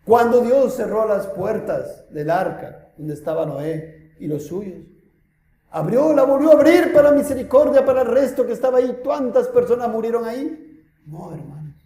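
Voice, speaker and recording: A man preaches in a high, ringing voice, pressing his listeners with rhetorical questions. His delivery swings from loud urging to near-hushed warnings. The sound carries the echo of a church hall. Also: lively intonation, normal speed. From Peru. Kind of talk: sermon.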